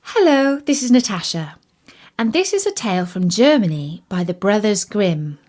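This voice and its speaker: The medium-pitched voice belongs to a woman telling a scripted children's fairytale, her delivery carefully paced and full of expression.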